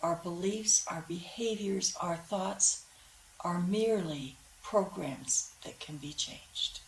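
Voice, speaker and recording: A woman co-presenting a guided imagery program, speaking in a measured, earnest way. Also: fairly low pitch. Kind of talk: calm measured explanation. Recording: roomy with faint background noise.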